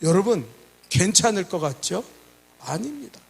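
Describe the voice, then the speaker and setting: A man's voice: high-pitched, sing-song, moderate pace, gravelly, darkish tone, slightly rough. A male pastor preaching a sermon in a church, asking the congregation rhetorical questions and leading them in call-and-response. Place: church sanctuary.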